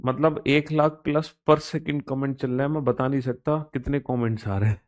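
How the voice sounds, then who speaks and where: A man's voice: mid-range voice, fairly even intonation, normal speed. A man with an Indian accent teaching a live online reasoning class, chatty and playful, joking with students between explanations.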